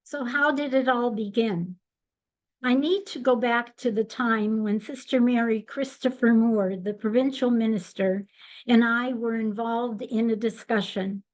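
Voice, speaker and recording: Older woman, webinar presenter, slow measured delivery, slightly high voice. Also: steady tone, low-quality recording. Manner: measured and deliberate. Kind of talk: slide presentation.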